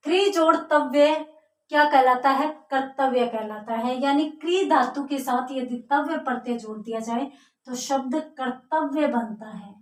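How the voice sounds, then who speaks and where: A woman's voice: high-pitched, a little slow, recorded from a distance. A woman teaching a grammar lesson, explaining step by step and answering her own questions. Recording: echoey room, voice from off mic.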